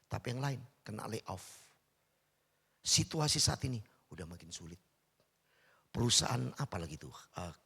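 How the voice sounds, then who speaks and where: A pastor, still recovering from an illness, preaches a sermon, his gravelly, husky voice bright at the edges. He swings from soft murmurs to loud, high bursts with a lively rise and fall. The sound carries the long reverb of a church hall.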